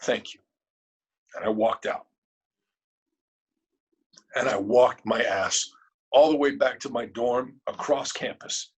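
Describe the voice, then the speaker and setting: A man, a guest in an interview, telling a story in a casual, animated and emotional way, cursing freely. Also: medium pitch, slow pace, long pauses, slightly rough, poor audio.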